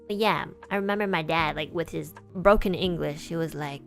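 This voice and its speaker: A woman's voice: low-pitched, a little fast, soft background music. A woman streamer telling a story in a casual, meandering way, full of filler words. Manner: meandering, filler-heavy recollection.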